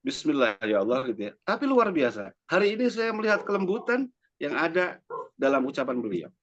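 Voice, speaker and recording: A man's voice: sits high, big pitch swings, brisk, fairly bright tone, highs cut off, a little hiss or hum. A man, a religious teacher, introducing people to a gathering in a chatty, joking way. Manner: chatty and joking, often adds "ya" and "teman-teman". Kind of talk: casual speech to a gathering.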